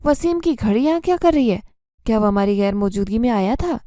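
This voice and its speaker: A woman's voice: on the high side, animated, mellow, no room sound, studio quality, lightly acted. A woman voicing an angry, jealous young bride-to-be who accuses and scolds. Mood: suspicious.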